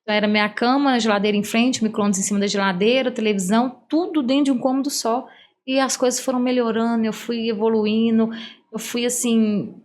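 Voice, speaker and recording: Speaking briskly in a fairly high voice with fairly even intonation, a middle-aged psychologist from Minas Gerais, Brazil, recounts her life story during a podcast interview. Earnest and heartfelt, she brings the quoted dialogue to life by acting it out.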